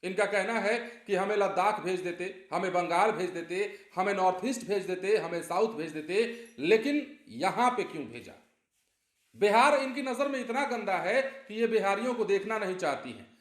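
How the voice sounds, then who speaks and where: A man's voice: high voice, normal speed. A man presenting a news report with commentary, emphatic and repeating phrases for effect. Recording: roomy echo.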